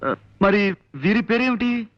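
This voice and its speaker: A man's voice: high-pitched, lively intonation, measured pace, highs cut off. An actor playing a polite but exasperated young man who is hunting for an address and pleading for help. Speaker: visitor searching for someone.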